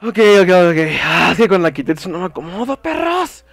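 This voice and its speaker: A young man with a Mexican accent giving casual commentary while playing a video game, swearing and shouting in frustration. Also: high voice, fast, vocal fry, slightly rough. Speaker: gameplay streamer. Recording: faint game music behind.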